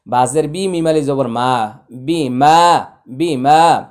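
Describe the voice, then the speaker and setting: A man teaching Quran recitation, chanting verses in a slow, drawn-out way and then spelling out the letters and rules in quick, low asides.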